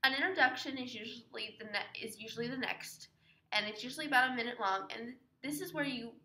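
Higher, bright teen girl in echoey room. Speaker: student competitor explaining dramatic interpretation. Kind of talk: casual instructional talk.

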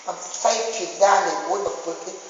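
A man's voice: quick pace, lo-fi sound. A man with a Northeastern Thai Isan accent narrating a homemade ghost spoof, joking and yelping in pretend fright. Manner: jokey, exclaims and yelps in mock fright. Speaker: amateur video maker narrating a ghost spoof. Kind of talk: playful mock-horror narration. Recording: echoey hall with loud background noise.

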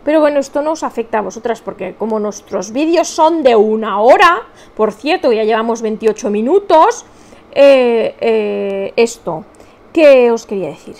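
A woman's voice: a little high, lively intonation, normal speed. A middle-aged woman from Spain, a crochet channel host with a Spanish accent, rambling cheerfully in a casual live chat and reading viewers' comments aloud. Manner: chatty, rambling, self-mocking, reads viewer comments aloud.

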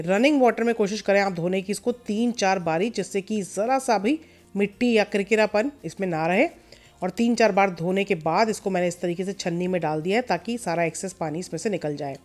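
A woman hosts a cooking channel, calmly guiding viewers through a recipe step by step in voice-over while mixing in English words. Her voice is mid-range.

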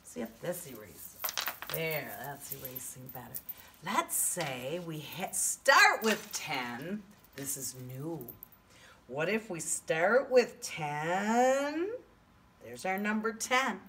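In a low-pitched, fairly bright, sing-song voice, a woman teaches preschoolers math at a slow pace, coaxing them with questions and counting out loud. Her broad singsong style is pitched to small children, and there's slight background noise.

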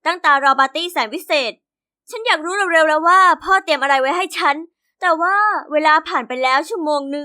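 A woman narrating an animated diary story in the first person as a young girl, expressive and lively. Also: very high-pitched.

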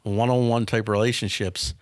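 His voice low, dry and near the studio boom mic, a business founder in his fifties tells candid stories as a guest in a dark studio. He's frank and anecdotal, repeating words when starting phrases, with little pitch movement, normal speed and no room sound.

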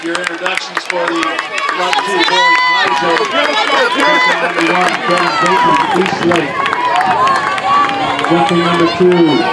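Man on the PA calling the race, pretty flat delivery, echoey and distant, crowd noise loud. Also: high-pitched. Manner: flat, steady calling of names and splits. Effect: over a stadium PA system. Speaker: track meet announcer and race commentator. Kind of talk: live race commentary and athlete introductions. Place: outdoor track stadium. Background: loud crowd and outdoor noise.

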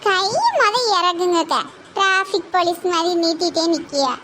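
A woman's voice: extremely high pitch, sharp tone, slight background noise. A woman voicing a cheeky, chatty young village woman with a southern Tamil accent who teases as she talks. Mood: teasing. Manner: teasing, rapid banter.

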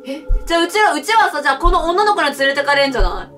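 A woman streamer playing a horror game, commenting with excitable, frightened reactions and shouts. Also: high-pitched, racing, distant mic, faint music behind. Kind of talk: let's play commentary.

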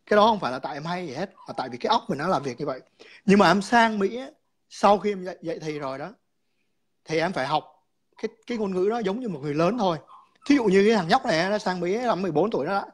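A man's voice: high voice, expressive, racing. A man calling in to a chat, explaining his views in a rambling way, repeating words and slipping in English terms.

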